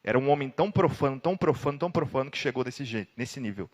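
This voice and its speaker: Brazilian preacher in a reverberant church hall. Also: male voice, mid-range voice, animated, quick pace. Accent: Brazilian Portuguese. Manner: dramatic storytelling, loud outbursts. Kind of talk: sermon.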